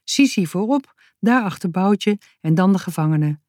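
Een vrouw die levendig en expressief een kinderverhaal voorleest. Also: female voice, mid-range voice, normal speed, no room sound, clean studio sound. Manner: lively, expressive reading. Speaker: narrator. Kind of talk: reading a children's story aloud.

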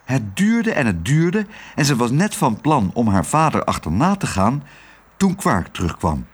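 A man reading a children's storybook aloud as narrator, slow and expressive. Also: medium pitch, slightly rough.

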